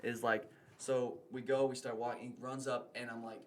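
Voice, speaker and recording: A man's voice: medium pitch, level tone, moderate pace. A young man, a podcast guest, telling a story in casual, rambling talk full of filler words.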